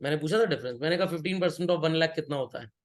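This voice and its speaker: Guy teaching accounts, high voice, cracks jokes at the kids, mixes hindi and english. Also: rapid-fire. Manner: teasing, joking with students, mixing Hindi and English. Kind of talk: classroom lecture.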